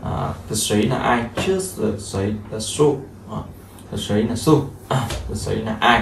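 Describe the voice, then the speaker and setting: A man's voice: lowish voice, moderate pace, gravelly. A man, teaching a language lesson and explaining each phrase over and over with many fillers. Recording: echoey room, mic at a distance, faint noise.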